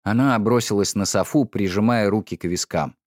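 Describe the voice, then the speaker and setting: A man narrates a scripted audiobook in an expressive, dramatic storytelling style. His voice is medium-pitched at a moderate pace, with clean studio sound and no room sound.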